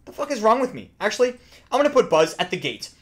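Reacting to game voice lines from a small room at home, a young man delivers very animated, fast commentary in a high-pitched voice, with slight background noise. As a video creator, he's casual, jokey and exaggerated, swearing a lot.

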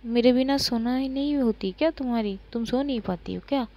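A woman's voice: fairly high pitch, fairly quick, highs cut off, lightly acted. A woman voicing a young woman, a shy girlfriend who scolds and gets flustered. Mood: chiding. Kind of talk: storytelling dialogue.

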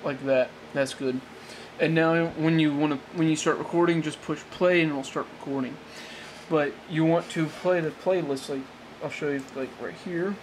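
This higher-voiced man walks through an unscripted tech how-to in a halting, rambling way, correcting himself as he goes, with fairly even intonation. He sits at a desk in a small room, off-screen close behind the handheld camera that records him. The audio is rough, with slight background noise.

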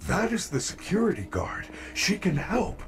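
Lively caring robot bear mascot. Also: male voice, sits high, normal speed, exaggerated voice. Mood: reassuring, helpful. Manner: caring robot helper, formal, precise diction without contractions. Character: kindly, protective male animatronic bear robot mascot, formal and helpful. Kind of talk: video game voice acting.

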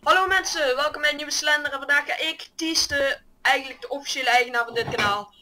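Very high-pitched young teenage Limburg boy. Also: fast, background noise. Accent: Limburg Dutch, soft G. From Limburg, Netherlands. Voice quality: very high-pitched, unbroken boyish voice. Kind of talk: amateur gaming video commentary. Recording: old amateur video played back.

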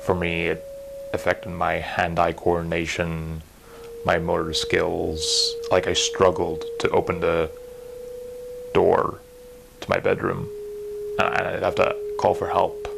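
A young man speaking candidly and in a measured way to camera from his bedroom. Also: low voice, completely flat delivery, vocal fry. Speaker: gamer interviewee. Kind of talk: personal testimony to camera. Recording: noisy room with hum.

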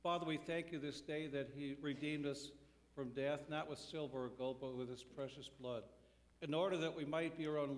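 A man leading a church service in solemn, measured liturgical prayer, his voice ringing with cathedral-like echo. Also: fairly high pitch. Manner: measured, solemn, phrase-by-phrase delivery. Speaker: pastor leading worship. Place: church sanctuary during a service. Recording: long church reverb, voice from a distance.

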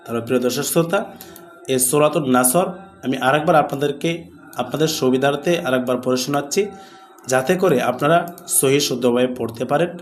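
A man teaching Quran recitation with tajweed rules, explaining patiently and chanting the verses slowly and melodically. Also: medium pitch, soft background music. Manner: slow and deliberate, drawing out recited words melodically; patient, repeats words and asks the class questions.

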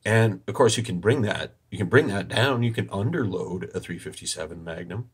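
Deadpan, husky low-voiced man. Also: moderate pace. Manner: deadpan, dry tongue-in-cheek delivery. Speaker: online video presenter. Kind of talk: informal analysis commentary over screen recording.

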